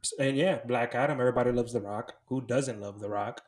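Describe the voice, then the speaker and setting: A man's voice: medium pitch, fast talker, a little mellow. A man co-hosting a podcast in casual chat, easygoing and hesitant, often restarting his sentences. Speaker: podcast co-host.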